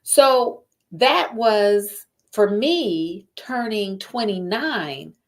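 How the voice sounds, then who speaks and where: Slow, deliberate woman coaching on change. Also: medium pitch, expressive. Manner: slow, deliberate, repeats phrases for emphasis; addresses the listener directly with check-in questions. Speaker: life coach hosting a live podcast. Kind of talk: motivational talk.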